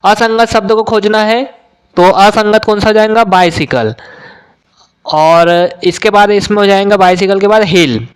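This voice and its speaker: Man, teacher, exam solution walkthrough, high-pitched, smooth clear voice, step-by-step explaining. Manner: explains step by step, often pausing with "uh".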